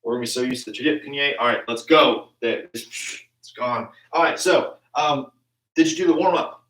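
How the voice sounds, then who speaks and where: A man's voice: medium pitch, a little fast, pushed and bright. Chatty man teaching from a basement. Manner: casual, chatty, many ums. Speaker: martial arts instructor. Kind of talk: live-streamed online class. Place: home basement with carpet. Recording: echoey room, far from the mic.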